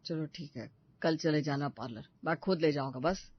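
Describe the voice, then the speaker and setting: A woman voicing a young husband in an animated family story, defensive and placating between his wife and mother. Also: deep voice, normal speed, slightly rough, no room sound. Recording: dry, slightly dull studio recording.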